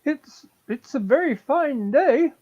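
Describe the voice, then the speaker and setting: A woman's voice: sits high, animated, slow. A woman voicing a timid, jittery rabbit courtier in a storybook read, nervous and fussy, on muffled audio. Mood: nervous, secretive.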